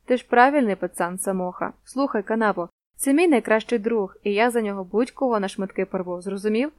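A woman voicing a hot-headed, loyal teenage boy who talks bluntly and forcefully, in a storybook reading. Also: mid-range voice, brisk, no echo, lightly acted. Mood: urgent.

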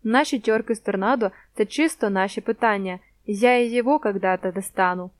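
A woman's voice: medium pitch, a little fast, dry recording, lightly acted. A woman voicing a swaggering teenage male street thug who taunts in crude slang, in a storybook reading. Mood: mocking.

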